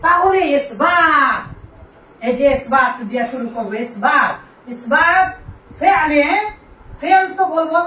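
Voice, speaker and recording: Her voice extremely high and fairly bright, a woman leads an Arabic grammar class, quizzing her students and going over the key terms again and again. The mic is distant in an echoey room, with faint noise.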